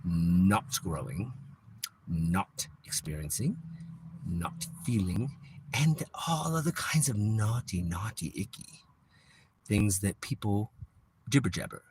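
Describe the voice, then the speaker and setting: A man's voice: fairly low pitch, big pitch swings, takes it slowly, a little hiss or hum. A man on a livestream, talking in a rambling, repetitive spiritual monologue that drifts into whispers now and then.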